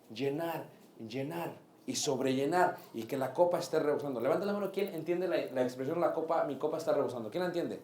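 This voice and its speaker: Man, preacher, sermon, fairly high voice, echoey church room, faint background hum. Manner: animated, asks the congregation questions.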